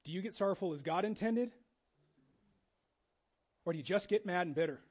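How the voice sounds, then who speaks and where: A man preaching a sermon as pastor, animated and jokey, acting out quoted voices with casual asides. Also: sits high, fairly quick, dull audio. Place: church.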